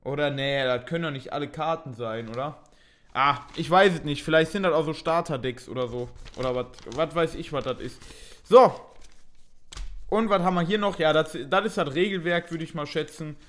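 A young man talks casually through an unboxing, thinking aloud and poking fun at himself now and then. His voice sits a bit high for a man. The delivery is loose and conversational. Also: normal speed, a bit bright. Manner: chatty, thinks aloud, mildly self-mocking. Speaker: unboxing video host.

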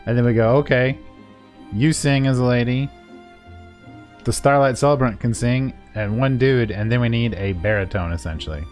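This quest guide comes from a gaming video creator who jokes his way through the gameplay, voicing paraphrased lines and goofy sound words in a playful, informal manner. His mid-range voice is a little mellow and moves at a normal speed, and music plays behind him.

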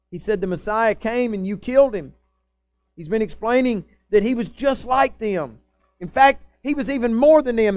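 A man preaches in a high, earnest voice, pleading with his congregation. He swells into loud scripture readings, then drops to soft confiding asides. The sound is dry and close. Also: dry recording. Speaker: pastor. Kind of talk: sermon. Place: church sanctuary.

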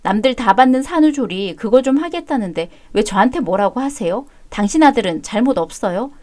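A woman storyteller reads a dramatic tale, with calm, firm and cool retorts. Her voice is somewhat high-pitched. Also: a little fast. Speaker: story narrator and reader. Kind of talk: scripted story narration with dialogue.

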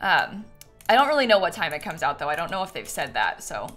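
Game music plays as a playful young woman hosts her live stream, giggling up close on the mic and teasing herself while chatting with viewers. Her lowish voice moves through big pitch swings, a little fast, with a fairly bright tone, and she's in a small room at home.

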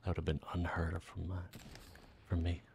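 A man giving soft-spoken ASMR commentary while playing a game, drifting between a hushed whisper and quiet low talk. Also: monotone, brisk, vocal fry, a little hiss or hum. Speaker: ASMR gaming channel host.

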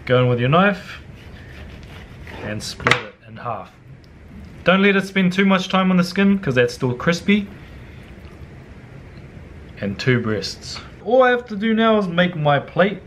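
Very animated yet unhurried, this young New Zealand man pauses often while casually guiding viewers through cooking in his home kitchen. The cooking vlogger sounds a bit bright, uses slang, swears offhand and often drops to low mutters, with slight background noise.

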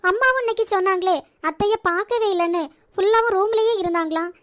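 A woman voices a meek young college girl in a cartoon, using a very high voice with a Nagercoil Tamil accent. The character speaks fast, soft and apologetic, with a pleading tone. The recording is close and dry, without room sound.

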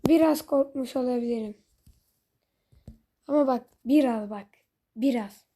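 Excitable high-voiced woman gaming. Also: a little slow. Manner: excitable, exasperated outbursts, talks to viewers. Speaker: gaming channel host. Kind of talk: casual gameplay commentary.

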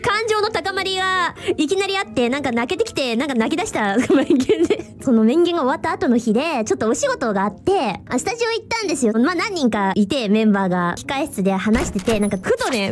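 A woman streamer casually telling a story to her viewers, animated and giggly, acting out what others said. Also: sits high, brisk, hardly any pauses. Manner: animated, giggly, acts out quotes.

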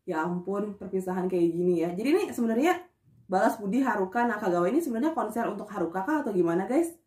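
A woman's voice: medium pitch, animated, fast talker, dark tone. Young Indonesian woman gushing on a reaction video. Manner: gushing, emotional, slangy, addresses viewers as guys. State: teary, near crying. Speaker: YouTube reactor. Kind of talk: casual reaction video chat. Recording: echoey room with music playing behind.

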